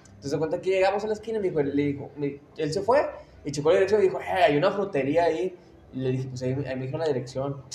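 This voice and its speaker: A man's voice: on the high side, very fast, mellow, echoey room, a little hiss or hum. A young man with a Mexican Spanish accent telling a story in casual chat, slangy and laughing as he acts out the voices of other people.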